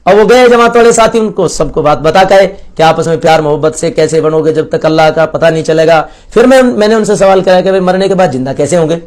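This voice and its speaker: A man's voice: fairly high pitch, a little fast, few pauses, a little mellow. A young man giving an earnest personal testimony, acting out the dialogue as he retells it. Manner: earnest, storytelling with quoted dialogue. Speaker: convert sharing his story.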